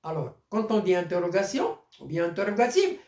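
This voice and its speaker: Teacher with a lively, echoing voice. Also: medium pitch. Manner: explains slowly, repeating key phrases. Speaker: primary school teacher. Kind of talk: grammar lesson explanation.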